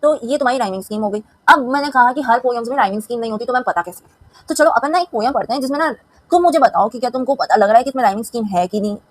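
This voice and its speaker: A woman's voice: on the high side, very fast, no echo, poor audio. An Indian woman teacher with a Hindi-speaking accent, explaining a lesson in a chatty way and often checking that her students follow.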